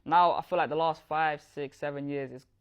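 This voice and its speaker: A man's voice: fairly high pitch, fairly even intonation, moderate pace, clean tone. A man answering interview questions, explaining his views in a thoughtful, casual way. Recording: dull lo-fi clip.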